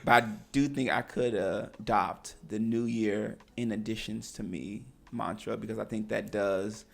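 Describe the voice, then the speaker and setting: A man co-hosting a casual podcast, his voice gravelly with a bright, forceful edge. He talks earnestly and encourages the other person. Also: fairly low pitch, steady tone, unhurried. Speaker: podcast co-host.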